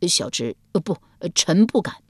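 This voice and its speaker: A nervous, bowing male courtier, played by a woman reader, pitched low and dry. He hesitates and stammers, deferring at every turn. Close, dry audiobook sound. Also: very animated, normal speed, slightly rough, no room sound. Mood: deferential. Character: timid, anxious male court official nephew.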